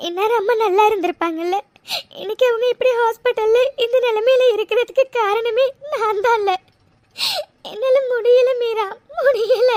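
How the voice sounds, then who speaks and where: Brief: sobbing guilty young daughter in a cartoon, voiced by a woman, squeaky-high and tearful, dry booth. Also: darkish tone, no echo. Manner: sobbing, pleading. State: crying. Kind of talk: cartoon voice acting.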